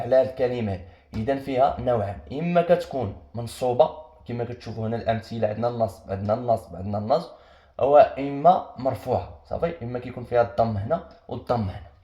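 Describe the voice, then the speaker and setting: A man's voice: mid-range voice, mellow. A young Moroccan man teaching an exam-prep grammar lesson. He asks questions and answers them himself, and he repeats the key points. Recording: echoey room.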